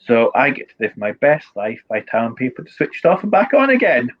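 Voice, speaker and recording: A man's voice: mid-range voice, wildly swooping pitch, a little fast, highs cut off. Man with a strong Scottish accent. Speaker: IT support director, guest. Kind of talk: informal explanatory talk with tips.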